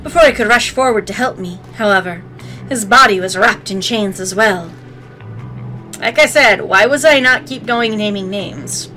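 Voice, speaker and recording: A woman's voice: medium pitch, normal speed, pushed and bright, low-quality recording. A woman hosting a let's play, reading game narration aloud with playful, sassy commentary. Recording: faint game music behind. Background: game music.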